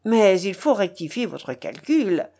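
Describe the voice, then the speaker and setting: A ferocious pirate, arrogant and mocking, speaks with slow, cold menace , as a woman reads him. His tone rises and falls in a lively way, full of contempt. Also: medium pitch. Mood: sneering.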